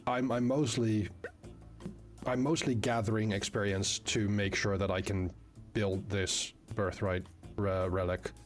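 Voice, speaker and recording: A man's voice: on the low side, fairly even intonation, a little slow, faint music behind. A man playing a tabletop game, chatting casually with hesitant fillers and restarts. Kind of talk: casual role-play chat.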